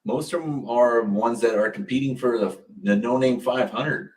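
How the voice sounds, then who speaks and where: A man's voice: medium pitch, normal speed, a little mellow, recorded from a distance, rough recording. A man chatting casually as a panelist on a livestream.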